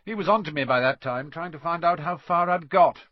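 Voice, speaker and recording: A man's voice: fairly high pitch, fairly quick, dry recording, pitched above the performer's own voice, close to an everyday voice. Quirrell, a man voicing a menacing wizard. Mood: scornful. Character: scheming male wizard teacher, cold and servile. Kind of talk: audiobook character reading. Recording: dull lo-fi dry recording.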